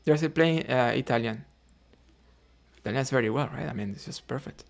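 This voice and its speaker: Here a Cuban chess streamer commentates live on his own game, voicing his thoughts on moves, sprinkling in "right?" and chatting with viewers between moves. His voice is gravelly, medium in pitch and fairly quick.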